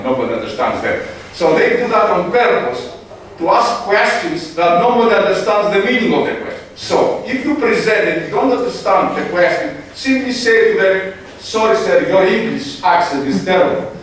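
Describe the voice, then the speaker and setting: A man giving joking, digressive opening remarks as conference organizer in a hall. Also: on the high side. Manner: joking, digressive, non-native English. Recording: echoey hall from far off, noise.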